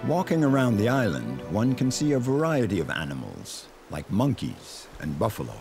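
A man's voice: on the low side, wildly swooping pitch, normal speed, creaky, music in the background. A man reading scripted narration in the style of a nature documentary.

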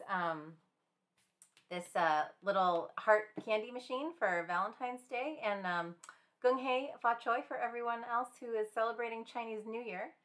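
A woman teaching a live-streamed finger painting class in a chatty, gentle way, with many fillers and small laughs. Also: fairly high pitch. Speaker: art instructor.

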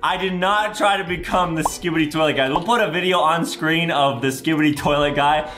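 A slightly high, fairly quick male voice comes from a young American gaming video host doing exaggerated, childish commentary for kids, full of drama and repetition. The indoor recording room is echoey, with music and some background noise.

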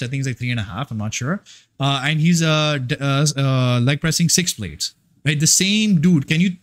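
A man who works as a fitness and life coach delivers a casual motivational monologue, rambling, profane and emphatic. His voice is on the high side.

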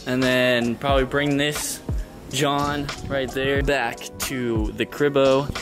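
Over music, a twenty-something American man vlogs to his viewers in slangy surfer-bro chat, his mid-range voice slow and fairly even. He holds the camera at arm's length, moving through rooms at home and later outdoors by a garage.

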